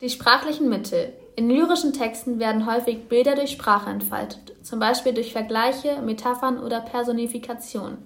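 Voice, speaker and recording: A woman giving a measured reading of a scripted school lesson. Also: fairly high pitch, steady tone, gravelly. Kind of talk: scripted educational narration.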